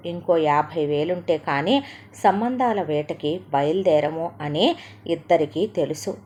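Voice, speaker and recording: Woman reading a story aloud, lowish voice, steady and expressive, faint hiss in the recording.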